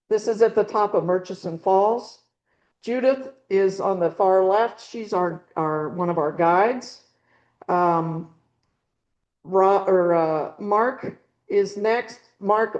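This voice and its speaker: A birding club presenter, a middle-aged woman, gives a loose slide talk to a small audience in a meeting room, often saying um and starting over. Her fairly low, darkish voice comes through dull audio from a handheld or clip mic with a dying battery.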